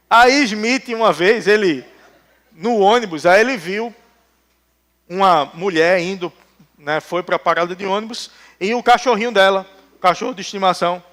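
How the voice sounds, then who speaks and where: A man preaches in a church, his voice pitched high. He keeps the sermon light with jokey stories and acts out the voices of the people he quotes. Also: fairly bright tone. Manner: joking storytelling, acts out quotes. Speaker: pastor. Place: church hall.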